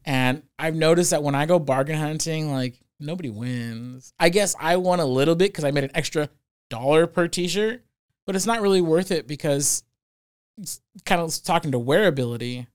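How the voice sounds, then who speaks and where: A man hosting a podcast, agreeing often and chiming in with his own experiences, animated when an idea clicks. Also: fairly high pitch, normal speed, clear, resonant tone. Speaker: podcast host. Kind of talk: casual interview conversation.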